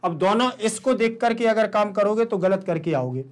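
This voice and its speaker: A man's voice: sits high, animated, moderate pace. A man teaching a recorded online lesson with a Hindi accent, explaining step by step, repeating terms and answering his own questions. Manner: checks in with "ठीक" often.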